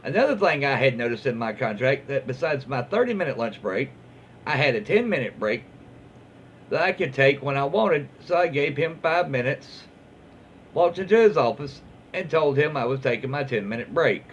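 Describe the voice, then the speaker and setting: A man with a Southern accent hosts a casual storytelling read-aloud, keeping the tone informal and folksy. His mid-range voice is expressive and moves at a moderate pace. The audio is muffled and lo-fi, with a little background noise.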